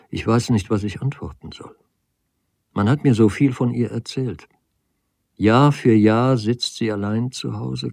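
A man reading the part of a brooding young stranger who answers quietly and in a subdued way. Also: creaky, slightly rough, dry recording, full character voice. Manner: quiet, subdued, low-key replies. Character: restless, brooding young stranger, humble and evasive.

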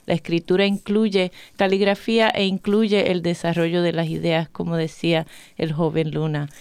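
A woman's voice: on the low side, flat delivery, moderate pace, a little mellow, smooth, dry recording. A woman with a Puerto Rican accent, an educator explaining her views earnestly as a guest on a radio talk show. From Puerto Rico.

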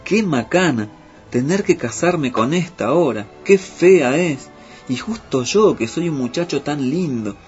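A man's voice: a little high, animated, unhurried, darkish tone, voice pushed up. A man voicing a boastful, cheeky male fox who brags and talks back. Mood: grumbling. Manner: brash, bragging. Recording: muffled with faint music.

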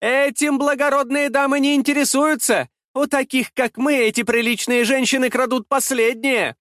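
A man voicing a coarse, jealous woman who blackmails and mocks with a shrill, piercing voice. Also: steady tone, normal speed, no room sound, studio quality. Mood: mocking. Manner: shrill, mocking, shouting.

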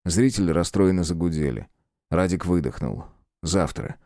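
A man narrating a horror novel as an audiobook, expressive and tense in his storytelling. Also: low voice, normal speed, no room sound, studio quality. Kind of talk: scripted narration.

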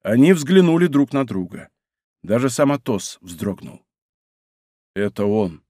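A man reading an adventure novel aloud in measured, dramatic scripted narration. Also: mid-range voice, very animated, mellow, slightly rough, no echo, clean studio sound. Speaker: audiobook narrator.

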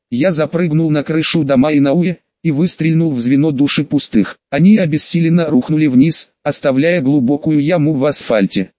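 A man narrating a first-person audiobook in a plain, steady reading voice, voicing the lead's outbursts with exclamation. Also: on the high side, dry recording. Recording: dull, muffled dry recording.

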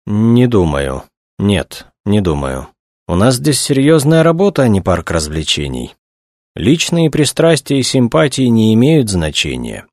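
A man's voice: on the low side, very animated, a little slow, a little mellow, dry recording, studio quality, pitched above the performer's own voice. Man doing a plaintive fussy official. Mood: lamenting. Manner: plaintive, exclaiming. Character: fussy, lamenting older male official.

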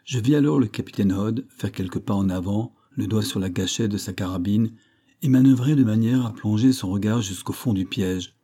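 A man reads an adventure novel aloud in a deep, dark tone. His pitch sits low, and he lifts it noticeably for the quoted lines of dialogue. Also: normal speed. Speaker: audiobook reader. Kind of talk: scripted narration of a classic novel.

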